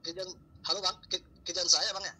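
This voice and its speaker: A man's voice: high-pitched, flat delivery, fairly quick, bright, forceful tone. Man on a breaking-up phone line. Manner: hesitant, repeats himself and cuts off words. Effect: breaking-up phone connection. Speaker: caller. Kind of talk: casual phone call asking for advice. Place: at work in a garage.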